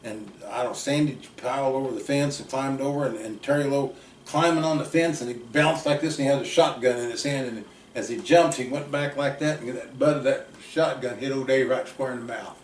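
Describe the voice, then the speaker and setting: A man's voice: mid-range voice, fairly quick. Old guy from rambling thru a story, roomy sound, mic kinda far off. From southeast Kansas. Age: 70s. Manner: folksy, drifting, trails off quietly at ends. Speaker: uncle telling stories. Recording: roomy, distant mic, faint background noise.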